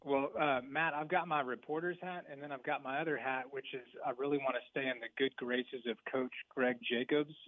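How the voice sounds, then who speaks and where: A male sports reporter talks casually on a radio call, halting and joking a little. His pitch is average. The line is narrow, like a phone, and dry. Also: fairly even intonation, dry recording. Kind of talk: casual radio interview chat.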